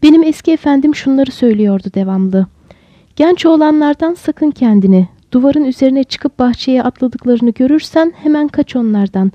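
A woman's voice: high voice, expressive, normal speed, dark tone, no echo. A woman voicing a timid, fearful young servant girl who speaks anxiously and cautiously. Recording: dull lo-fi dry recording.

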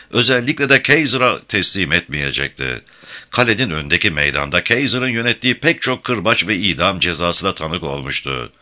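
Male audiobook narrator, low sharp voice, very animated delivery. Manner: expressive reading, voicing each character. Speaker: audiobook reader. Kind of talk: scripted narration.

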